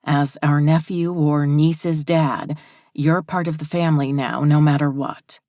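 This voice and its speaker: A composed young woman who takes charge in a calm, polite, firm tone, as a woman narrator voices her. The delivery is low and slow, with a dry close sound. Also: dry recording.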